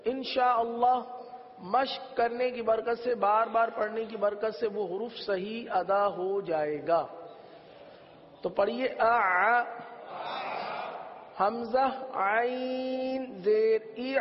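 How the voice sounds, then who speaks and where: High-voiced teacher drilling letters slowly. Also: male voice, fairly even intonation. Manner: slow drawn-out sounding of letters, repeated drills. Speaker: Quran reading teacher. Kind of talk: religious TV lesson on letter pronunciation. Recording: echoey hall, dull lo-fi sound.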